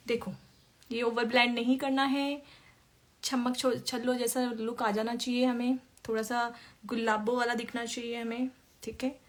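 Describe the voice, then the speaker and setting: A woman's voice: fairly high pitch, flat delivery, a little slow. Chatty woman teaching makeup live. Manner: chatty, answers viewers by name while applying makeup. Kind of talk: casual live-stream makeup tutorial.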